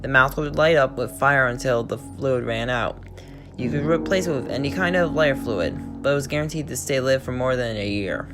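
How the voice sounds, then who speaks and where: With music playing in the background, a man who hosts his own channel reads a creepypasta aloud word for word. His voice sits at medium pitch and moves at a normal speed, but the plain reading is full of stumbles and restarted sentences.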